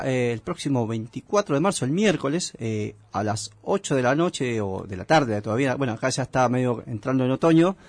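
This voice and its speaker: Gravelly, husky middle-aged Argentine man. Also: medium pitch, no echo. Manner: rambling, halting, seeks agreement. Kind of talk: casual interview talk.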